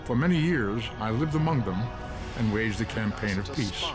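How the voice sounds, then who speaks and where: An actor playing a solemn elderly Vulcan elder, narrating a game's story in a grave, measured, formal manner. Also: male voice, lowish voice, expressive, natural voice. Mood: sorrowful, grave. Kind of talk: dramatic scripted game narration. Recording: voice over loud music.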